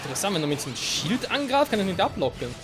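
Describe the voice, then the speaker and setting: Young man, let's play commentary, lively swinging pitch, slightly high voice, loud game music behind. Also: rapid-fire. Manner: excitable, talks to the game characters. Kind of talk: German gameplay commentary.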